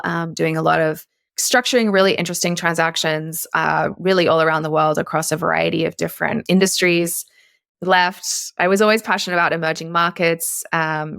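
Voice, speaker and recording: Gravelly low-voiced woman. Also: fairly bright tone, no room sound, studio quality. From Australia. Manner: chatty, many fillers and restarts. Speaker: guest, investor. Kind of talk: podcast interview.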